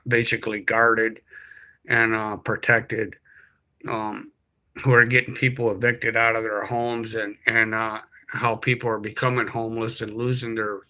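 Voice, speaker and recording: Man, casual monologue, halting, many fillers, bright sharp voice, indoors at home. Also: mid-range voice, rough recording. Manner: halting, full of fillers and restarts. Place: indoors at home, beside a window.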